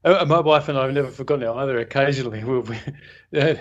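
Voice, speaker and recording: A man co-hosting a relaxed conversation about storytelling. His voice sits in an ordinary middle pitch. He tells anecdotes in a rambling, chuckling way. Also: fast, dull audio. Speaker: podcast co-host. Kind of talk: casual craft discussion.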